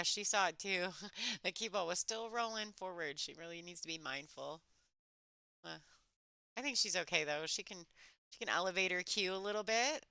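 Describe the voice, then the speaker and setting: A woman commentating live on a pool match in a restrained, soft-spoken golf-commentator voice, chatting conversationally as she follows the play. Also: on the low side, smooth, no room sound. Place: alone in a chilly room.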